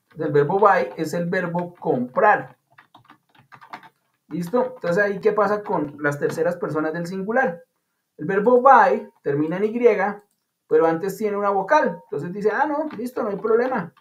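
His voice sits high and unhurried, with a little hiss or hum, as he patiently walks students through an online English lesson using chatty, playful comparisons. The sound comes through a video call and is dull and lo-fi.

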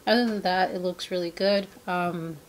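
A woman's voice: on the low side, fairly even intonation, moderate pace, a little hiss or hum. A young adult woman talking casually to camera in a makeup review vlog, chatty and full of "um" fillers. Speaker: beauty vlogger. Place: home room indoors.

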